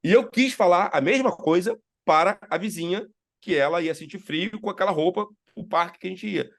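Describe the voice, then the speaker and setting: Middle-aged são guy on a video call, stuffy from sinusitis, kinda high gravelly voice, tells stories and does everyone's lines. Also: a little fast. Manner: animated storyteller, acts out quoted dialogue. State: congested from sinusitis. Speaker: interview guest. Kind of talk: storytelling in a casual interview.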